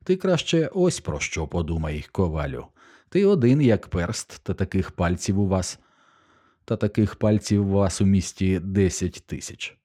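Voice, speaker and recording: A man's voice: deep voice, lively intonation, a little slow, dark tone. A man reading an audiobook, voicing a composed, wry nobleman who speaks curtly and dryly. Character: wry, composed male nobleman, grim and knowing.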